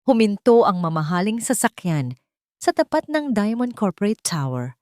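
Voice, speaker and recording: A woman with a Filipino accent narrates a dramatic first-person story as an audiobook reader, very animated in delivery. Her medium-pitched voice has a darkish tone and a normal speed. The sound is clean studio audio with no room sound.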